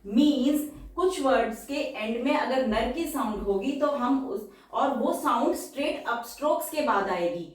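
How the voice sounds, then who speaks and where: A woman teaches shorthand in an unhurried, deliberate way, repeating each example word several times. Her voice sits a bit high and sounds distant from the mic, with a strong echo from the room around her. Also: animated. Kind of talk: explanatory lesson. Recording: very echoey room, voice far from the mic.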